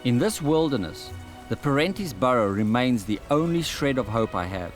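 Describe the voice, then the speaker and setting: A man reading scripted first-person documentary narration in a measured, reflective way. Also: mid-range voice, sing-song. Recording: narration over music.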